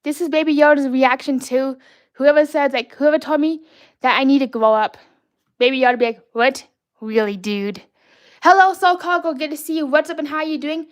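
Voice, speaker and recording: A woman with a high, youthful voice hosts a live art stream and chats casually while she draws. Her delivery is playful and childlike, with lots of false starts and restarts. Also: steady tone, fairly quick. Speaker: livestream artist host. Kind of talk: casual livestream chat while drawing.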